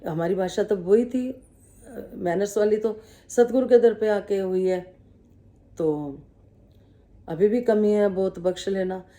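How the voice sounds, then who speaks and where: A woman's voice: mid-range voice, slow pace, pauses often, mellow. A woman giving a spiritual testimony talk, humbly telling her own story to devotees with quoted dialogue. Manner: humble, calls herself the servant and addresses listeners respectfully. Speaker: devotional speaker.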